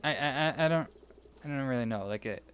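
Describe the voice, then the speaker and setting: Speaking a little fast in a medium-pitched, slightly bright voice, a young gaming video creator offers casual, meandering commentary during gameplay, frequently breaking off and losing his train of thought. There's slight background noise.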